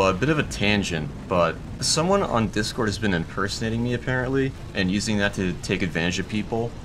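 Young male gaming host, lowish voice, dry and wry, faint hiss behind. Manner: dry, wry, laughs often. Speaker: gaming YouTuber. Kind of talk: casual gameplay commentary.

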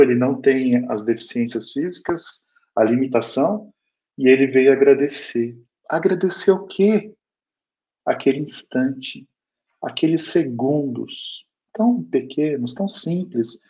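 An earnest man with a Brazilian Portuguese accent delivers a spiritist lecture, speaking warmly and directly to the people listening. His voice sits in a middle register. The recording is a little dull and lo-fi. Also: mid-range voice. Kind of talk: storytelling lecture.

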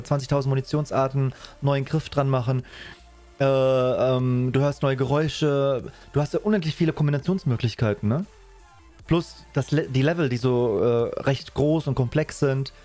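Male streamer, thirties, mid-pitched, casual live gaming chat over faint music. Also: a little mellow. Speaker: game streamer. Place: small indoor streaming room.

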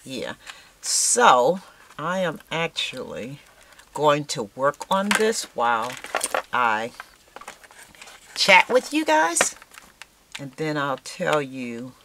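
A woman in her sixties chats casually to viewers while working on a craft project at a cluttered indoor table, filling her talk with fillers and a repeated "yes." Her deep, fairly bright voice swings hugely in pitch, and she speaks very slowly with frequent pauses. There's a little hiss or hum.

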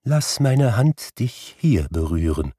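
A man voicing a gentle Christmas spirit with a soft, quiet, melodious voice. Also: lowish voice, sing-song, slow pace, slightly rough, dry recording, clean studio sound, pitched above the performer's own voice, full character voice. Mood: solemn. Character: gentle ghost of Christmas past.

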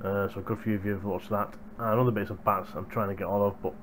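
Fast and flat in delivery, a young adult man with a fairly low pitch chats casually to viewers as a hardware reviewer. He's indoors in a small room at home, recorded on a gaming headset boom mic with a little hiss or hum.

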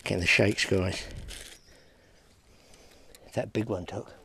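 A man's voice: fairly low pitch, fairly even intonation, slow pace, vocal fry, pushed and bright, slightly rough. A man vlogging outdoors by a lake, chatting straight to his viewers as he fishes. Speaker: fishing vlogger. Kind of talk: casual outdoor commentary.

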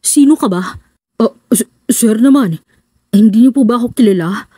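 A woman's voice: moderate pace, dark tone, slightly rough, dry recording, clean studio sound. A woman voicing an effeminate, bossy male print-shop manager who scolds and then fawns, in an audiobook. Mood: fawning. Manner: shrill, scolding, then fawning.

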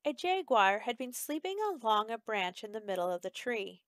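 A woman teacher reading a picture book aloud for her class, expressive and measured. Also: a little high, no echo. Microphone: close home recording.

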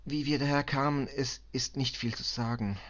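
A man voicing a distraught middle-aged female refugee cleaner who speaks halting, broken German with a Balkan accent, stammering and tearful. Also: a little high, fairly bright tone, highs cut off, pitched above the performer's own voice. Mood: shaken. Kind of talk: audiobook reading.

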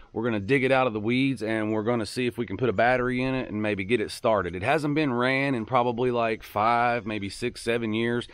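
A man's voice: lowish voice, clear, resonant tone. A man, hosting a casual outdoor vlog on a farm field, filmed with a handheld camera at arm's length. He talks in an easygoing, rambling way and repeats himself. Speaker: channel host.

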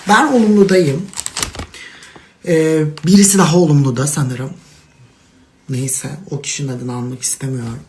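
A woman's voice: low voice, normal speed, pauses often, darkish tone, a little hiss or hum. A woman talking to her followers in casual phone story clips, dramatic and gushing, calling them princesses and girls. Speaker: social media personality.

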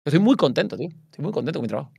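Fast-talking man, swears a lot. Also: fairly high pitch, vocal fry, slightly rough, no room sound, studio quality. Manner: swearing, animated and self-mocking. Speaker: streamer and interview guest. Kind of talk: casual interview chat.

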